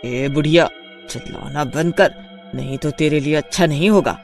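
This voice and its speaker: A man voicing a harsh, bossy witch daughter-in-law in a kids' storybook, shouting scornful threats. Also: a little high, normal speed, vocal fry, faint music behind. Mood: bossy, threatening. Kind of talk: storybook voice acting.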